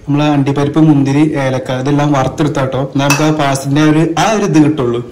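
A man's voice: mid-range voice, little pitch movement, fast talker, a little mellow, a little hiss or hum. A man with a northern Kerala Malabar accent chats casually to viewers as he cooks, mixing English words and catchphrases into his Malayalam. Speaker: cooking vlogger. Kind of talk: casual chat to viewers while cooking. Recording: roomy, echoing indoor sound.

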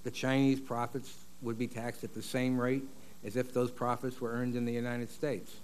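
A man's voice: medium pitch, monotone, a little hiss or hum. Older man giving blunt testimony. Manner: blunt, confident, drawn-out fillers. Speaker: expert witness. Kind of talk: hearing testimony. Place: large wood-paneled hearing room. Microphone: desk microphone.

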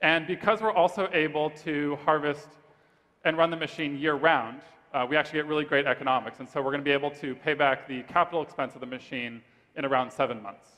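Man pitching in a reverberant hall. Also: steady tone, quick pace, sharp tone. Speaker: startup founder pitching. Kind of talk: stage pitch and Q&A answers. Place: large event hall stage.

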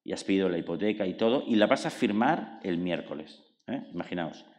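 A man giving a public book talk as author and psychologist, explaining lively and acting out inner dialogues with many tag questions. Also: sits low, fairly quick. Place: cultural centre hall. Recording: long hall reverb.

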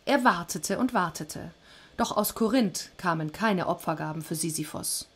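A woman reading a Greek myth aloud as a storyteller, with lively, chatty asides between passages. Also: fairly low pitch, normal speed, slightly rough.

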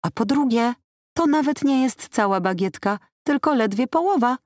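A woman's voice: on the high side, animated, moderate pace, darkish tone, no room sound, studio quality, voice pushed up, natural voice. A woman voicing a cheerful young woman who fusses over food and coos with diminutives. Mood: doting. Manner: cooing, full of diminutives.

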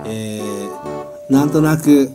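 A man's voice: mid-range voice, extremely slow, music in the background. A young man hosting and judging a comedy contest with casual banter. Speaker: host and judge.

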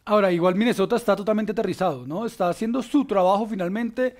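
A man with a Colombian accent hosting a casual basketball panel, enthusiastic and full of filler pauses. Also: high-pitched, darkish tone. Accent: Colombian Spanish. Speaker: sports show host.

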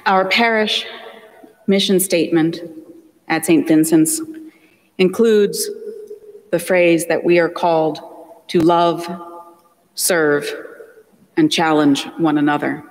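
Slow, solemn man preaching in a reverberant church. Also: on the high side, fairly even intonation. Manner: slow, measured, solemn delivery with deliberate pauses. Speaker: priest. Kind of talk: reading the Gospel and preaching a funeral homily. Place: large church, at the pulpit. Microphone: distant pulpit mic, far camera.

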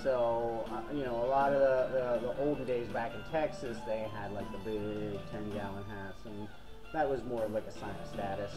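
A man's voice: fairly low pitch, fairly even intonation, moderate pace, low-quality recording. A man working as a hat store salesperson, explaining hats in casual chat with lots of fillers, recorded inside a big western wear store. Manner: chatty, explains with many fillers. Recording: store music playing behind.

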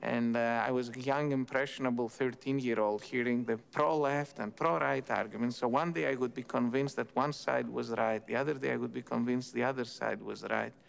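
An older man from Turkey, a theoretical physicist, telling his story in a measured, thoughtful interview. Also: mid-range voice, fairly even intonation, gravelly. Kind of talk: reflective interview. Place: indoor interview set.

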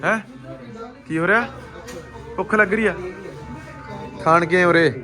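A man's voice: high-pitched, unhurried, music in the background. A man with a Punjabi accent hosting a casual vlog, teasing his friends in colloquial banter and peppering them with questions. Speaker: vlog host.

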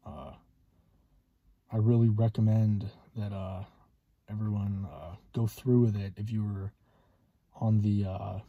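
A man in his twenties talking casually to camera in a hesitant, halting way, with a slightly husky voice, inside a car. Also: lowish voice, level tone, no room sound, phone-quality sound. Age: 20s. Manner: hesitant, halting with long pauses. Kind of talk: casual vlog monologue.

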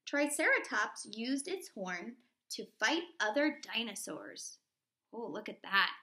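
With big swings in her fairly high pitch, this woman reads to young children at a measured pace, her tone bright and forceful. She is a primary school teacher in her thirties who explains things simply and asks questions along the way.

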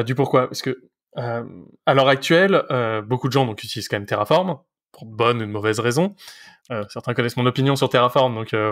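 A man at a mid pitch hosting a casual technical podcast. He asks his questions in a halting way, with many fillers along the way. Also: fairly bright tone. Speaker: podcast host.

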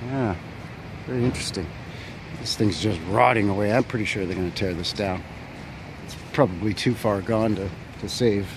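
A vlogger who explores old buildings walks outdoors in winter wind, holding his phone and talking through his thoughts on an old building. His voice sits on the low side at a moderate pace, and the casual narration is dotted with fillers and tentative asides while street noise and wind sound behind.

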